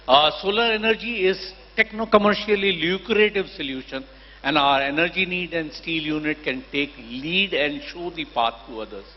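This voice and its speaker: A man giving a formal presentation at a conference. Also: fairly high pitch. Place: large conference hall. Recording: dull, noisy, reverberant hall microphone.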